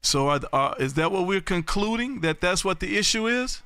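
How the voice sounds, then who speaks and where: Against a noisy background, an American man with a high, animated voice hosts a lively ham radio live stream at a moderate pace. He trades casual, folksy, repetitive chatter with callers.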